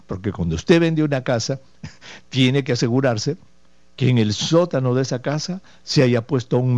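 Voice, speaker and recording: In a dry, echo-free radio studio with dull, lo-fi sound, a man with a medium-pitched, somewhat dark voice plays a doctor hosting a health call-in show. He works through listeners' questions patiently, leaning on rhetorical questions and homely diminutives as he gives advice.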